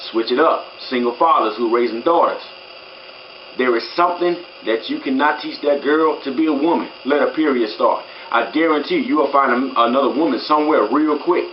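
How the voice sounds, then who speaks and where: A man's voice: mid-range voice, lo-fi sound, a little hiss or hum. Emphatic man preaching straight to camera. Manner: preachy, emphatic, repeats his points. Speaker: barber giving a personal message. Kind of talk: casual straight-to-camera talk.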